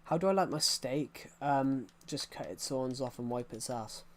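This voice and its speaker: A man's voice: medium pitch, moderate pace, slight background noise. Early 20s guy rambling on a game stream, chatting back to his viewers, normal mid voice. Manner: rambling, chatty, reacting to chat messages. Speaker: livestreamer. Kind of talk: casual livestream chat while gaming.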